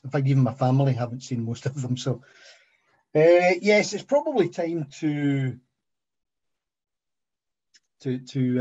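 A man's voice: medium pitch, warm tone. A man, a guest speaker on a video call, talking hesitantly with repeated words. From Tasmania, Australia. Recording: muffled video call audio.

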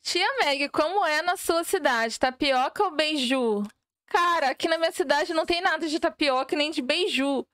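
Speaking at normal speed with hardly any pauses, this young woman has a high, fairly bright voice in a clean studio recording free of echo. A Minas Gerais native with that region's Portuguese accent, she streams games, talks chattily with viewers, reads the chat aloud, and slips English words into her speech.

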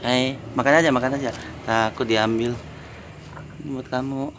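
A man's voice: mid-range voice, fairly even intonation, moderate pace, fairly bright tone, a little hiss or hum. A man feeding stray cats in an outdoor market at night, coaxing them with short repeated calls. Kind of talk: casual talk to animals. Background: cats and passing vehicles.

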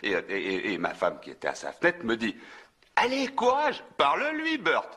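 A man's voice: medium pitch, wildly swooping pitch, normal speed, sharp tone, slightly rough, heavily acted. An actor dubbing a talkative, nervous small-town soda fountain clerk who stumbles and restarts as he tells a story in a classic film. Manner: rambling, eager, stumbling restarts. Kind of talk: dubbed film acting.

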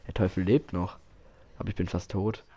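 A man commentating his own match while playing, excitable, often exclaiming and laughing. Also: sits low, a little fast, slightly rough. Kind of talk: casual gaming commentary.

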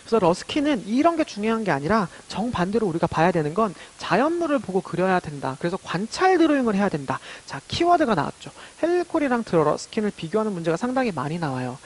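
A man's voice: high voice, sing-song, fast, hardly any pauses, low-quality recording. A man lecturing on art education for exam preparation, explaining the material step by step and often asking a question and then answering it himself. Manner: explanatory, asks and answers his own questions.

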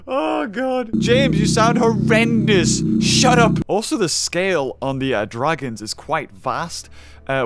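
A young man with a sore throat, casually commenting on a game he is playing and reacting aloud to what happens on screen. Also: a little high. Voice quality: rough, hoarse from a sore throat. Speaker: gaming video host.

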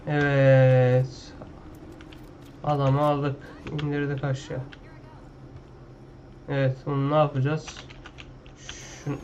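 A fairly high-voiced man commenting on his own gameplay in a loose, slangy way, talking to himself and to the characters on screen. His home mic sounds dull and lo-fi. Keyboard clatter and a faint hum sit behind him. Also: a little mellow. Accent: Turkish. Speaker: gaming YouTuber.

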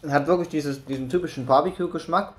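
A man's voice: on the high side, fast, soft background music. A young man crunching and munching chips in a casual tasting vlog, talking in short slangy, laid-back phrases with appreciative hums, indoors with a crinkling bag. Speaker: food review video host. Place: indoors in a room with bookshelves.

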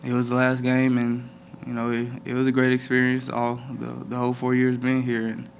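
Young male athlete at a press table mic, flat steady delivery, light room ambience. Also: mid-range voice, gravelly, a little hiss or hum. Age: young adult. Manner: flat, measured, many "I mean" fillers. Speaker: college football player. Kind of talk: postgame press conference answers. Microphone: table microphone.

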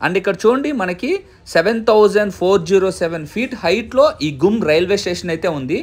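A male travel vlogger from India talks fast and chatty, keeping viewers with him as he points things out. His voice sits high. It is recorded outdoors along a toy train journey. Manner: chatty, guiding viewers with "look here". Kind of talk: casual travel vlog narration.

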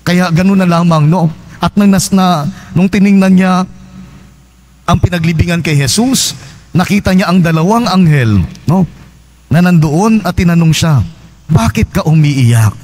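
Filipino priest preaching in conversational tags. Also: male voice, high voice, moderate pace, darkish tone. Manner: conversational preaching, frequent tag questions. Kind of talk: homily at Mass. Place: large church.

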